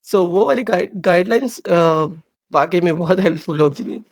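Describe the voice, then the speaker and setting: A man's voice: sits high, moderate pace, darkish tone, no room sound. A man narrating a drawing tutorial, switching between Hindi and English with many fillers and restarts.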